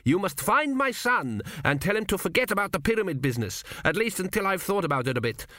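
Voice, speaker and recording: A fretful, querulous king who has just died, pitched up high and full of restless lilt, as a man puts him on. He grumbles and frets in a dry, close-sounding read. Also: very animated, fast, pushed and bright, no echo, exaggerated voice. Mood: agitated, snappy. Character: fretful newly dead male king, indignant.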